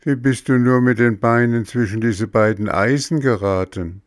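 A man doing a gentle pitying firefly. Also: medium pitch, moderate pace, no echo, clean studio sound, pitched above the performer's own voice, close to an everyday voice. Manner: gentle, reproachful. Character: kindly small firefly, pitying.

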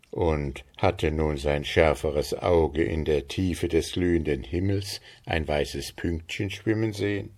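A man reading a storybook aloud as narrator, calm and measured. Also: deep voice.

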